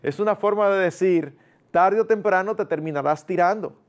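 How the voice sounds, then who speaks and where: A man preaching a sermon in a lively, conversational way, acting out family dialogues in a raised voice. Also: high-pitched, moderate pace. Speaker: pastor.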